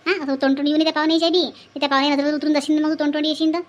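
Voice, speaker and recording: A woman's voice: sits high, little pitch movement, very fast, lo-fi sound, lightly acted. A woman voicing an older village woman from who scolds and hands out repeated advice. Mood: lecturing. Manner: scolding, repetitive advice-giving. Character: older village woman, bossy, lecturing elder.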